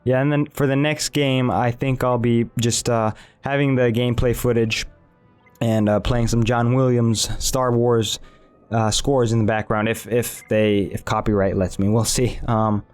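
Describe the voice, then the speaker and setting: A man's voice: medium pitch, little pitch movement, a little slow, a little mellow, clean tone, faint music behind. A man casually commenting over his own gameplay footage as a channel host, rambling with many restarts.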